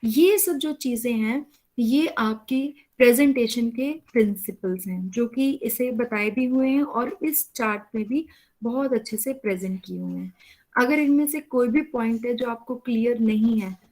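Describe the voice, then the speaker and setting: Woman lecturer, slightly high voice, patient online class explainer on a video call. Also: unhurried, darkish tone. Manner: explains patiently, often checks with "है ना?". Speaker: college teacher.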